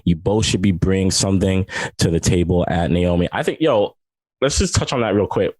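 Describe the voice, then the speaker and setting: A laid-back man with a British accent, talking in a low register. He chats casually and teases his co-host, swearing freely. The sound is dry and close, from a video call. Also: a little fast, darkish tone, no room sound. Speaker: podcast co-host. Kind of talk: casual chat.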